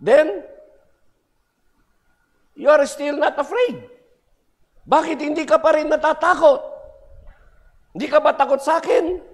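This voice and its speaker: A man's voice: extremely high pitch, unhurried, long pauses, pitched above the performer's own voice. Man doing a devil, taunting, pushy, raised voice, long church reverb. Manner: raised, pressing, incredulous questions. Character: menacing male devil taunting an old man.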